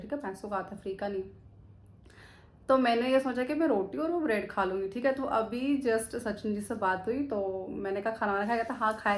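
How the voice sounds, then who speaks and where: A young woman from Jammu, chatting playfully to viewers in a casual home vlog and often laughing at herself. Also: a little high. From Jammu, India. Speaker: vlogger. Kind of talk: casual daily-life vlog chat. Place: at home indoors, later on a balcony.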